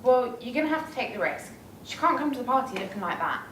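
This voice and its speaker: A woman's voice: on the high side, lively intonation, fast, fairly bright tone, slight background noise. A woman acting a pushy, blunt teenage girl doing a friend's makeup, heard from a far camera in an echoey room. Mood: bossy.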